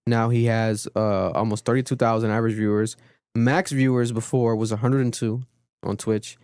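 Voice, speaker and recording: A young man hosting a casual podcast, telling stories in an animated way and acting out what other people said. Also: medium pitch, normal speed, smooth, no room sound, studio quality. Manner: animated storytelling, acts out quotes. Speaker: podcast host.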